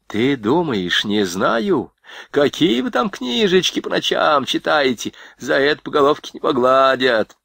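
A man's voice: on the high side, big pitch swings, measured pace, gravelly, a bit bright, no echo, studio quality, pitched above the performer's own voice, exaggerated voice. A man doing a whiny, bullying old-army sergeant. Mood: whining threats. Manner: tearful, threatening, crude.

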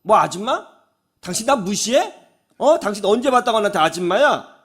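A man's voice: sing-song, normal speed, husky, full character voice. A man doing a shrieking furious woman driver. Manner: shouting, indignant, high-pitched. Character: furious middle-aged woman driver, touchy.

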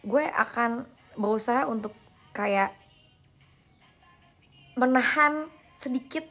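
A young woman hosting a live stream, chatting casually and playfully with viewers and answering their questions in slang, quick to laugh at herself. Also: fairly high pitch, a bit bright, faint music behind. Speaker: livestream host.

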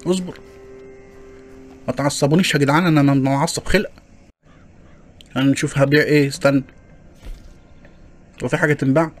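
Egyptian male gaming host, quick and joking running commentary, a little higher voiced than most men. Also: steady tone, faint music behind. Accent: Egyptian Arabic. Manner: joking, chatty, complaining to viewers. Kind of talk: gameplay commentary.

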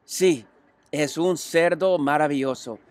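A man's voice: fairly high pitch, takes it slowly, darkish tone. A man reading a storybook aloud, voicing a plain-spoken middle-aged farmer in a matter-of-fact tone. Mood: appraising.

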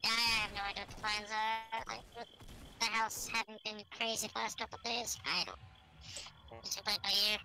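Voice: medium pitch, fairly even intonation, fairly quick, sharp tone, slight background noise, rough recording. A woman streamer chatting casually while gaming, her voice run through a voice changer filter.

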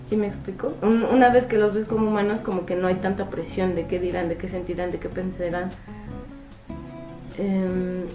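A woman with a Mexican accent giving heartfelt advice to camera in a soft, reflective way that trails off quietly, at home as a vlogger. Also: mid-range voice. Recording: roomy room with faint guitar music.

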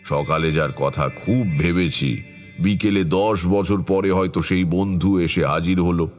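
In a horror audio drama, an actor with a voice that sits low plays a brooding tantrik storyteller. He narrates his eerie past in a measured, reflective way.

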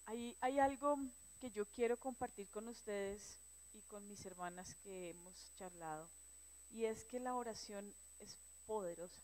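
A woman sharing earnestly with her church prayer group, telling a story with lively rhetorical questions. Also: mid-range voice, measured pace, low-quality recording. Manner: earnest, animated storytelling with rhetorical check-ins.

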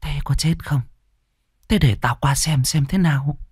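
A man voicing a worried, stern old grandmother, speaking low and urgent. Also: a little slow, breathy edge, dry recording, clean studio sound.

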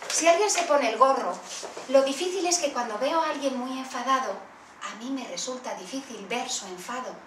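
A woman with a Spanish accent from Spain leading an interactive workshop, animated and acting out examples. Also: sits high, moderate pace. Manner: animated, acts out children's voices in role-play. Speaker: workshop facilitator. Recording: roomy far-off room recording with faint noise.

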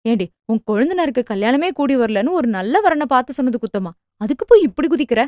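A woman voicing an anxious, talkative middle-aged mother who scolds quickly and defends herself. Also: high-pitched, very animated, a little mellow, dry recording. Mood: defensive scolding. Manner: fast, fretful, scolding.

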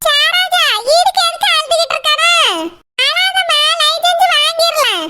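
A woman with a Tirunelveli Tamil accent voicing an older village mother who gently coaxes and chides in a cartoon. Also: extremely high pitch, normal speed, very noisy. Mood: soothing. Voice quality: coaxing, gently chiding. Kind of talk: cartoon voice acting.

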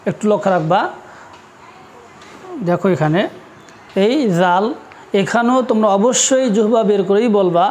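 A man teaching Quran letter pronunciation, drilling each syllable in patient, measured repetitions and telling students to note it down. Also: high voice, animated, darkish tone, a little hiss or hum. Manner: directive, tells students to take notes and pay attention. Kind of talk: slow, drilled pronunciation lesson.

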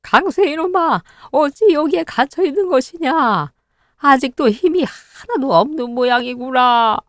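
A woman's voice: high-pitched, fairly bright tone, no echo, studio quality, voice pushed up. A woman voicing two bickering old male hermits in a cartoon story, huffy and drawn out. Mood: fussing.

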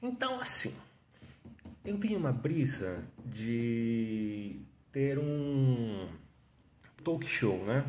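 A Venezuelan man whose first language is Spanish tells his story as a freelance artist in a casual self-interview, filmed on a phone camera held at arm's length in a small, echoey room at home. His mellow, roomy, medium-pitched voice swings widely in pitch, with drawn-out words and long pauses. He is chatty, restarts often, and uses many tag questions, and there is a little hiss or hum.

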